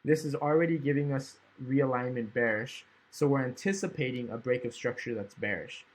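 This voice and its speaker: At a normal speed and medium pitch, a man casually walks through trading charts in a screen recording. He's a trading educator with the hiccups who thinks aloud and frequently checks in by saying "right?".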